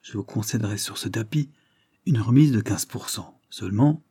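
A chatty, good-humoured floor manager of middle years pours out easy sales patter, voiced by a male storyteller. His tone stays dark and slightly husky under the brightness of the act. The room sounds close and dry. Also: on the low side, moderate pace, no room sound. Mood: confidential. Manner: smooth-talking, voluble salesman patter.

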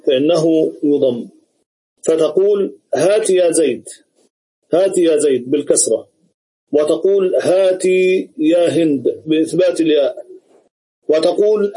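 A man giving a grammar lesson over an online video call, speaking deliberately and repeating each example several times. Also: a little high, dark tone, slightly rough, rough recording. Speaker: grammar teacher.

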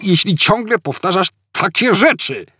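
Male narrator as a scrappy, urgent alien drifter, pitched up and husky. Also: expressive, a little slow, bright, forceful tone, no echo, clean studio sound, heavily acted. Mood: coaxing. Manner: urgent, raised and pleading. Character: quick-witted alien man, urgent and exasperated.

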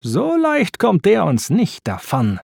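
A man voicing a clever, brave female spy car in a storybook, with a raised, lively voice. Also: a little high, measured pace, husky, dry recording, studio quality, heavily acted. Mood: determined. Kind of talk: storybook reading.

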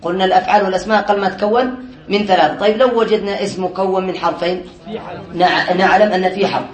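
High-pitched male teacher lecturing a class, drilling students with questions, recorded in a reverberant room. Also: fairly even intonation, very fast, far from the mic. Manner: quizzes students, repeats answers, chuckles often. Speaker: teacher, sheikh. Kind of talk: classroom lesson. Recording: echoey room.

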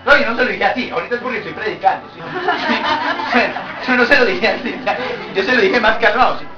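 A man preaching a lively sermon to his congregation, joking with them and rising to shouts. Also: extremely high pitch, brisk, dull audio, background noise. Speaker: pastor. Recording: echoey church hall, from far off.

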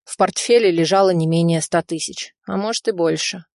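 A woman reading a first-person audiobook in an even, steady storytelling manner. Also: lowish voice, a little fast, vocal fry, dry recording, studio quality. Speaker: audiobook reader.

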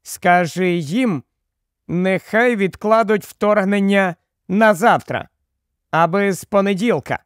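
A man's voice: sits high, slow pace, no room sound, clean studio sound. A man reading a story, voicing a frightened housewife who cries out urgently. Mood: uneasy. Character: frightened housewife, frantic and desperate.

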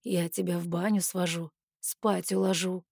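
A woman voicing a doting, patient male elf husband who speaks softly and soothingly. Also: on the low side, little pitch movement, moderate pace, vocal fry, breathy edge, no echo. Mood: purring. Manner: soft, purring, soothing.

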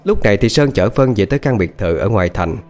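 Lively male ghost story narrator. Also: quick pace. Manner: expressive, varies pitch widely. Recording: faint background music.

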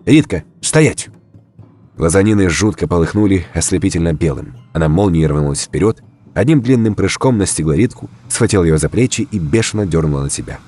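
A man narrating a horror story for an audiobook in a dramatic, expressive way. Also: sits low, quick pace, husky.

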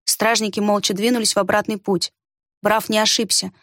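A woman narrating a fantasy story in an even storytelling delivery. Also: mid-range voice, a little fast, no echo, clean studio sound. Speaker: audiobook narrator. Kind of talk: scripted narration.

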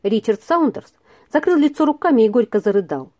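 A woman narrating a classic novel aloud in an expressive storytelling manner. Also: on the high side, brisk. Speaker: audiobook reader. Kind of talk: scripted narration.

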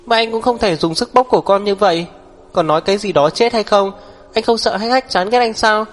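A man's voice: brisk, long reverb tail, soft background music, natural voice. A man voicing a sulky, tearful young woman. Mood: tearful, indignant. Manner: shrill, defiant, tearful outbursts. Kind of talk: audiobook character voice.

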